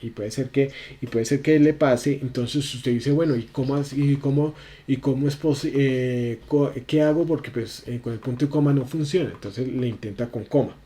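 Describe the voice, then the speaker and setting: A man's voice: mid-range voice, fairly even intonation, normal speed, warm tone. A man instructing a class through a spreadsheet lesson on screen, talking through each step with many fillers and restarts. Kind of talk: screen-share software lesson.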